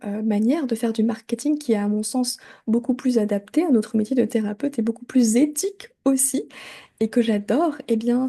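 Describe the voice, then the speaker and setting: Chatty middle-aged French woman, mellow voice. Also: a little high. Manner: chatty, animated, with asides and fillers. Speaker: podcast host. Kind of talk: casual solo podcast talk.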